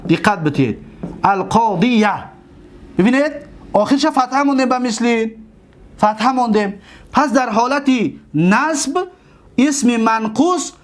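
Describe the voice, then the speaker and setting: A man with a Tajik accent teaching a grammar class. He explains slowly, repeats words and keeps asking his students questions. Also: high-pitched.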